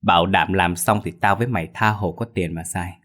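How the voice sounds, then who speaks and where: A man voicing a crude, foul-mouthed male thief who yells, curses and scolds his friend in a raised voice. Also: sits low, fairly quick. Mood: scolding. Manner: loud, cursing, scolding.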